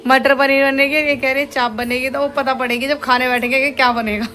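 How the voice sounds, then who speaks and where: High-voiced woman vlogging at home. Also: little pitch movement, fast talker, pushed and bright, poor audio. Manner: chatty, scolds and coaxes children. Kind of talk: casual family vlog chat. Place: family home, indoors and rooftop.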